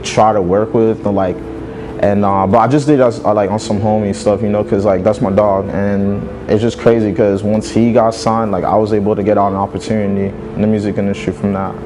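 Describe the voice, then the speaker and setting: A man's voice: lowish voice, level tone, brisk, noisy background. A man in his twenties from Saint Martin, a music manager and show promoter, talking casually in an interview and filling his speech with "like". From Saint Martin, French side. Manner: laid-back, peppers speech with "like".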